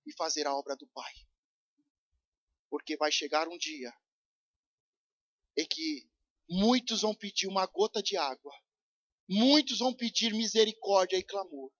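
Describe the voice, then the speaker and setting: A male pastor preaching a fiery sermon at a church service, swinging from shouted urgent pleas to low intense tones, with a São Paulo Brazilian accent. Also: dull audio. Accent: Brazilian Portuguese, São Paulo.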